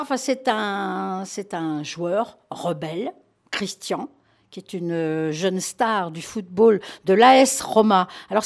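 Chatty woman reviewing a film. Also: a little high. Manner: chatty, laughs often, many fillers. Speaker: film columnist on a radio show. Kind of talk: casual radio film review.

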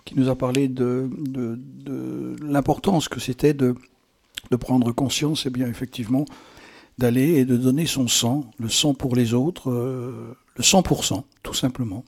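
A radio host runs a chatty, improvised interview, teasing and playful, with rambling, theatrical, flowery phrasing. His mid-range voice is steady, a little slow, gravelly and slightly mellow.

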